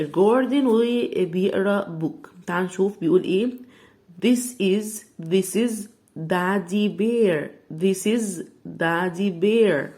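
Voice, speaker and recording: Egyptian lady teacher, kids english lesson, stretches out every sound slow, middle pitch voice. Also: a little mellow. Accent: Egyptian Arabic. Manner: slow, drawn-out syllable-by-syllable sounding out of words.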